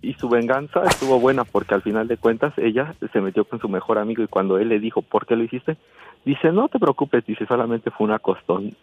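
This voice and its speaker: A man's voice: mid-range voice, a little fast, lo-fi sound, a little hiss or hum. A man with a Mexican accent, telling a friend's story on the radio in a gossipy way.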